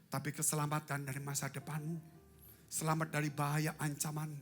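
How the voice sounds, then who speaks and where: Male pastor, live sermon, theatrical swings between loud and hushed, jokes with the congregation, faint music underneath. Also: on the high side, completely flat delivery, a little fast. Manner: dramatic, leaps from loud cries to hushed asides; humorous, asks the congregation questions. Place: church sanctuary.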